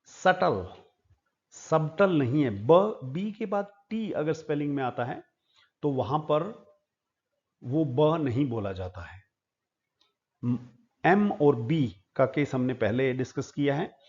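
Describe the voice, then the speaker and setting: A man from India, teaching English pronunciation in a slow lesson and repeating each word several times. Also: mid-range voice, expressive, darkish tone, lo-fi sound.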